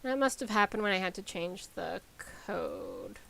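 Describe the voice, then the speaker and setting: A woman game developer talking casually on a live stream, rambling with lots of ums and likes as she explains software. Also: on the low side, huge pitch swings, moderate pace, vocal fry, low-quality recording.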